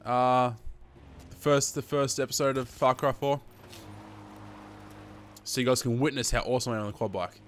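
Commentating on gameplay through a headset, a man in his twenties with an Australian accent keeps it casual, chatty and sweary, talking to viewers as guys while sniffling a little from hay fever. He has a medium-pitched voice with fairly even intonation and a moderate pace, broken by long pauses, and there's slight background noise.

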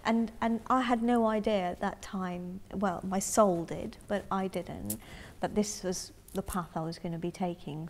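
Woman, middle-aged, from Zambia, interview, reflective storytelling, halting restarts, soft asides, dark indoor room. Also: medium pitch, a little hiss or hum. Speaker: interviewee in a community film.

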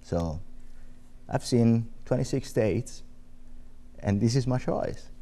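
A man from Italy in his forties, with an Italian accent, chats casually as a guest on a TV studio set. His medium-pitched voice is warm and expressive, measured and friendly, and he chuckles often. He's recorded on a lapel mic.

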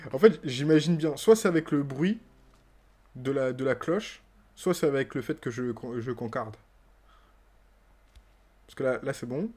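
Male streamer, mid-pitched, playful running commentary, chats with game characters. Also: expressive, unhurried, long pauses, a little mellow. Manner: playful, laughs often, talks to game characters. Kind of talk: casual let's-play commentary.

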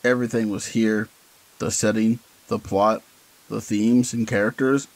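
A man reading a horror story aloud as scripted narration, in a measured, deliberate way. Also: lowish voice, flat delivery, poor audio.

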